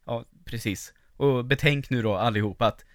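A man co-hosting a casual podcast, relaxed and joking drily as he leads the talk. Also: medium pitch, no room sound, studio quality. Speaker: podcast co-host.

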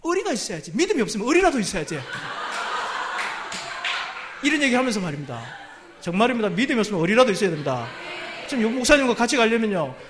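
A man's voice: sits high, big pitch swings, fast talker, pauses often, background noise. A male pastor preaching a sermon from a church pulpit, humorous and self-deprecating, often laughing at his own jokes.

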